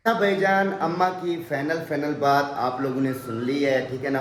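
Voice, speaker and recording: A young man from Pakistan with a faint accent speaks in a mid-range voice during a casual vlog to camera, and a little hiss or hum can be heard. He pleads earnestly, returning over and over to the tag "okay?"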